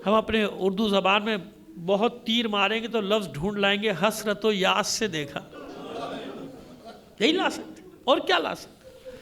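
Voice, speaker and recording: In a congregation hall, a Shia cleric with a Pakistani Urdu accent recites a majlis, delivering a mourning sermon that tells the story dramatically and rhetorically with repeated phrases. He speaks a little slowly in a high-pitched, fairly bright voice, pausing often, with lively intonation.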